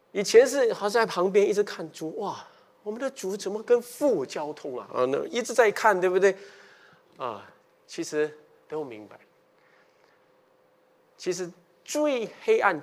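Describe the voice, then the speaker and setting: A middle-aged male pastor preaching a sermon, swinging from quiet stretches to emphatic ones and constantly putting questions to the congregation. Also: fairly high pitch.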